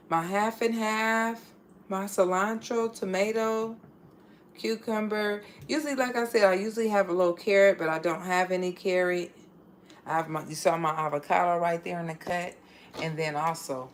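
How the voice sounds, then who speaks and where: A woman's voice: medium pitch, background noise. A woman hosting a casual cooking livestream from her home kitchen, chatting as she works, repeating herself and using lots of fillers. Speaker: home cook livestream host.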